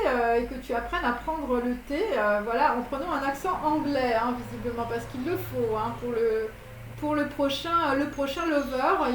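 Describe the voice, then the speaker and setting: High-voiced woman reading tarot. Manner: rambling, many fillers and restarts. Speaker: tarot reader. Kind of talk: casual tarot reading monologue. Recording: echoey room with faint noise.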